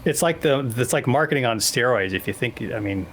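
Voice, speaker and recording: A man's voice: medium pitch, animated, a little fast, slight background noise. A man chatting as a guest on a synth show, musing aloud and cracking jokes. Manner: musing and joking, thinking out loud. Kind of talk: casual chat.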